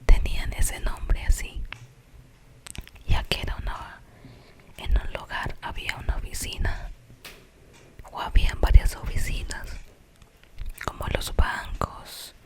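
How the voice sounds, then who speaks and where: A storyteller with a Colombian accent whispers an ASMR tale slowly and suspensefully in a hushed manner. Now and then they pause for explanatory asides.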